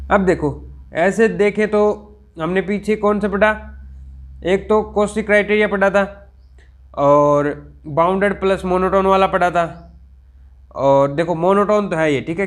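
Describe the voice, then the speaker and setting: A man teaching a college math lecture, dictating slowly and checking in with his students often. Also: high voice. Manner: slow, drawn-out dictation with frequent check-ins.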